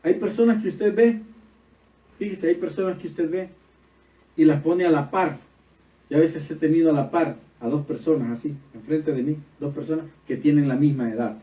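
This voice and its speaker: A man preaching a sermon as pastor, swinging from soft reflective passages to loud emphatic peaks. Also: a little high, normal speed. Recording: roomy echo, voice from far off.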